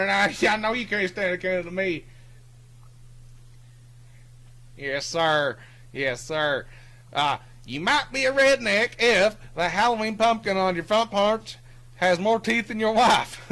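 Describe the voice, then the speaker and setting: A man's voice: high-pitched, bright, forceful tone. A man playing a boastful, rambling hillbilly who hosts a sports call-in show, with a folksy drawl. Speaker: host. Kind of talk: comic character bit on a live stream.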